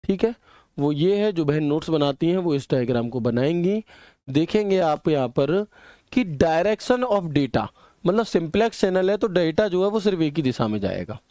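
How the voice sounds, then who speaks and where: A man's voice: on the high side, expressive, fairly quick, dark tone, dry recording, clean studio sound. A male computer teacher with a way of speaking, lecturing in a chatty style and often checking whether the students understood. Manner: chatty, keeps asking "ठीक है", homely examples. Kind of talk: classroom lecture.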